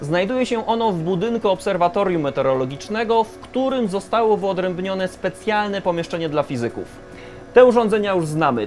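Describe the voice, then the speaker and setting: A man in his thirties presenting a science video, explaining things in clear scripted narration. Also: sits high, darkish tone. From Poland. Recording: music bed under the voice.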